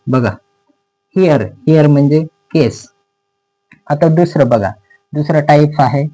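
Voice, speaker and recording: A man with a Marathi accent teaching an English pronunciation lesson, slowly and deliberately, repeating words syllable by syllable. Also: on the high side, warm tone, rough recording.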